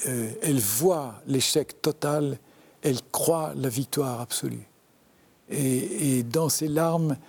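A French parish priest speaking earnestly in an interview, in a halting way with many restarts. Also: male voice, medium pitch, gravelly, dark tone, slightly rough. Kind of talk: interview, devotional reflection.

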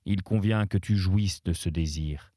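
A stern, wise old guide from beyond the grave, read by a man in a low, mellow voice. The words come grave and measured, recorded close and dry. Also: no echo. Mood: solemn. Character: stern wise male guide, a poet's ghost. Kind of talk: audiobook-style literary reading.

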